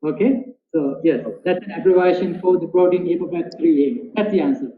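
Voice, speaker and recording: High-voiced man lecturing over a tinny call. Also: fairly quick, crowd noise. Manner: explanatory, checks understanding with tag questions. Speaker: guest lecturer. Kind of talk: webinar lecture and Q&A. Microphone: video call. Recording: tinny call audio with room echo.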